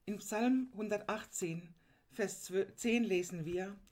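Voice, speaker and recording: A woman's voice: mid-range voice, takes it slowly, darkish tone. A woman preaching a sermon, retelling a gospel scene earnestly and turning to her listeners with direct, emphatic appeals.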